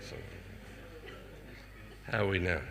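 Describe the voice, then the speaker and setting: An older man telling personal anecdotes to a festival audience, chuckling often and stumbling over repeated words when he gets excited. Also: mid-range voice, unhurried, a crowd in the background. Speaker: speaker sharing personal memories. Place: festival hall before a live audience. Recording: reverberant hall with faint ambient noise.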